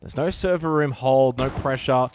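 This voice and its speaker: A man giving live esports play-by-play commentary, emphatic and excitable in delivery. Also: mid-range voice, normal speed, background noise. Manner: excitable, emphatic calls in big moments.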